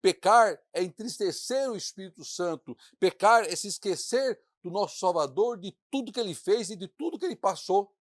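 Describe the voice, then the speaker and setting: A male pastor with a notably high voice delivers a fervent sermon, stacking repeated phrases into a steady rhythm. He swings from loud declarations down to hushed, almost whispered lines. The sound is close and dry, with no room around it. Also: moderate pace, hardly any pauses, no room sound. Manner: preaching with rhythmic repetition and sudden drops to near-whispers; rises to loud emphatic declarations.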